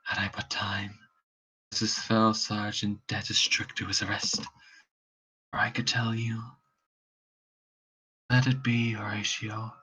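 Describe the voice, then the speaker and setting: A man playing a dying, anguished Danish prince in a verse drama, with a faint, halting deathbed delivery. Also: on the low side, flat delivery, a bit bright, slightly rough, exaggerated voice. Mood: fading, resigned. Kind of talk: amateur read-through of Shakespeare verse drama. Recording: dull, lo-fi, faint noise.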